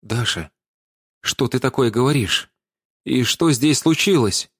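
A cowardly young man whines and stammers through his excuses, as a male narrator acts him out. His storybook voice moves animatedly in pitch. The recording is dry and close. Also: animated, measured pace, fairly bright tone, slightly rough, dry recording, heavily acted. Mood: pleading. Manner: whining, stammering, pleading. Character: cowardly, lying young man, pleading and bleating.

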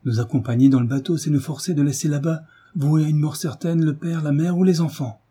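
Man playing a steady grown man, firm and urgent, deep dark husky voice. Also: fairly quick.

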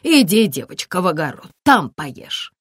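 A bossy but coaxing middle-aged village healer woman, as a female reader plays her. She talks in a motherly, persuading way with a lowish voice. The sound is close and dry. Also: very animated, normal speed, breathy edge, no room sound. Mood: pleading.

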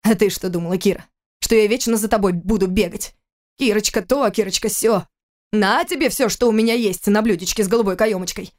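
A woman's voice: mid-range voice, fairly quick, a little mellow, natural voice. A woman voicing a cold, furious adult husband in an audiobook, speaking in a harsh, clipped, contemptuous way. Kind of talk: audiobook character reading.

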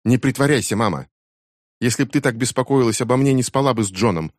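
A man voicing an angry, grieving teenage girl who hurls quick, shrill accusations at her mother. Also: darkish tone, dry recording, studio quality, natural voice. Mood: accusing. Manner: shrill, fast accusing outbursts.

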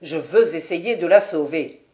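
A woman voicing an earnest young nobleman who speaks low and urgently. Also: unhurried, mellow.

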